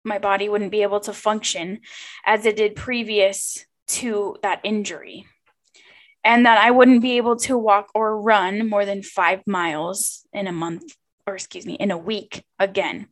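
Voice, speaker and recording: A woman's voice: mid-range voice, steady tone, measured pace. A young woman hosting a podcast, talking alone in a chatty, informal and confiding way about personal things. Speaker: podcast host.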